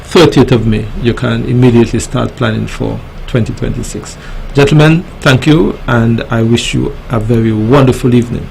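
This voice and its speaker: Male talk show host, Caribbean accent, formal and polite, mid-pitched with vocal fry, slight background noise. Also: steady tone, darkish tone, poor audio. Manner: courteous, formal, deliberate phrasing. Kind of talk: formal radio interview hosting.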